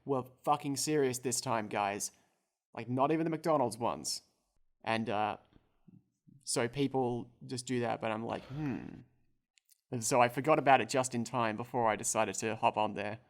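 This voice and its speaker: A man's voice: medium pitch, normal speed. A young man playing a tabletop role-playing game, describing his actions in a rambling, joking way. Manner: rambling, full of filler words and restarts, joking. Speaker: player. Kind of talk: casual tabletop role-play narration.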